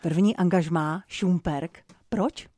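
A woman's voice: lowish voice, warm tone, no room sound, clean studio sound. A woman interviewer asking direct, probing questions.

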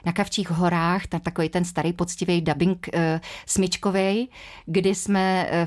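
A middle-aged woman, an actress and dubbing artist, chatting in a radio interview and telling stories with quoted voices. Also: fairly low pitch. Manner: chatty, lively storytelling with fillers and quoted voices. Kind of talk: conversational interview.

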